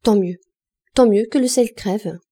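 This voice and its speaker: A woman's voice: mid-range voice, unhurried, mellow, slightly rough. A woman voicing a fussy, angry married woman at a wedding, sputtering indignant complaints.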